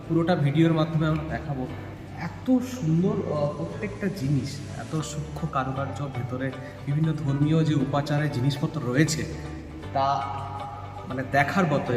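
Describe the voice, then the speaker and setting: A fairly high-voiced man speaks with awe, often trailing into long "ah"s. His voice bounces around a huge monastery hall with a cathedral-like echo, and music plays clearly underneath. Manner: awed, with many drawn-out "ah" pauses. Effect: cathedral-like echo of a big hall. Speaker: travel vlogger. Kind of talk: casual travel commentary. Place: large echoing monastery hall.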